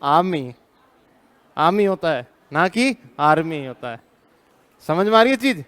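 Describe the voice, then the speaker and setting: A man's voice: high voice, sing-song, normal speed, a bit bright, smooth. An Indian man teaching a live class, drilling students with repeated questions, firm and teasing.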